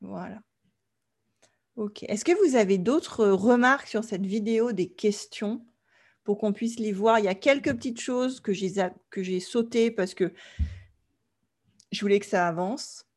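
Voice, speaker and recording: A French woman leads an online language class. She explains things patiently and plainly, pausing to make sure her students are following along. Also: mid-range voice, darkish tone. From France. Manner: clear, patient explaining, often checks with "d'accord?". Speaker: French teacher.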